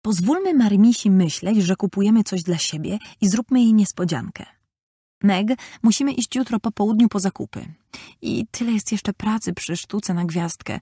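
A woman's voice: mid-range voice, moderate pace, husky, dry recording, clean studio sound. A woman voicing a brash, boyish teenage girl who talks boldly and commandingly. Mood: eager. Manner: bold, lively, commanding.

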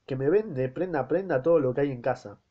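A man's voice: medium pitch, brisk, highs cut off, lightly acted. A man reading the lines of an angry wife who is fed up with her husband, in a reproachful, indignant tone.

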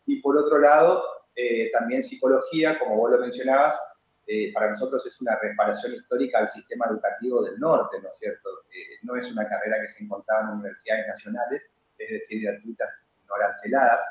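Man in his forties, measured rector answering over a video call, roomy dull sound, lots of "eh". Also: medium pitch, fairly even intonation. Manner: measured, explanatory, frequent hesitation fillers. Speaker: university rector. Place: office with flags and bookshelf.

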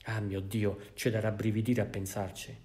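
A man's voice: fairly low pitch, little pitch movement, normal speed, darkish tone, natural voice. A man voicing an elderly female housekeeper, complaining in a raised, fretful voice. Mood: grumbling. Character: fussy old female housekeeper, grumbling.

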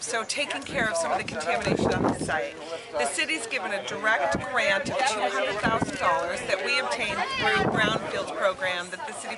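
A woman in her fifties, a city official, answering interview questions in a measured, matter-of-fact way outdoors. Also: medium pitch. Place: outdoors by a brick building. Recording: outdoor noise and nearby voices.

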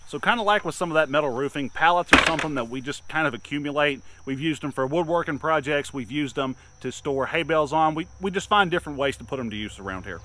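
A chatty man in his thirties, voice sitting a little high, talks his way through a farm chore in a relaxed outdoor vlog. He rambles with plenty of fillers into a camera held at arm's length. Crickets and insects buzz faintly behind him in the yard. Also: fast, hardly any pauses, very noisy. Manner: chatty and plain-spoken, with many fillers. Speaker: homesteader vlogger. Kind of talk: casual outdoor DIY vlog. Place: outdoors in a grassy farmyard by a metal building. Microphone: action camera held at arm's length.

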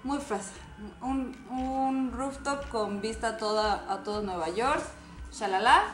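Mexican woman around 30 telling a story with friends, slangy, acts out voices, high voice, faint music behind. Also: slow, roomy sound. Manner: animated, slangy, acts out quotes. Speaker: guest. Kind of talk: casual storytelling among friends.

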